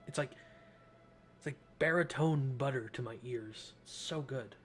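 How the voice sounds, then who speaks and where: A man hosts a gameplay video with casual, informal commentary, reacting in short asides. His mid-range voice is unhurried, with soft game music playing behind.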